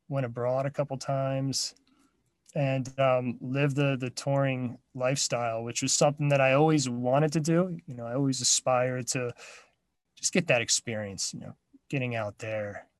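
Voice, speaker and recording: A man's voice: mid-range voice, no echo, rough recording. A man in his thirties, a drummer and teacher, talking casually as an interview guest, with many fillers and repeated words.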